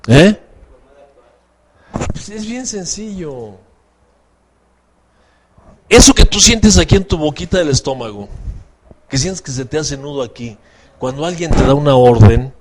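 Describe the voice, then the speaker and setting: A man preaching a sermon as pastor, asking the congregation questions and acting out quoted voices. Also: fairly high pitch.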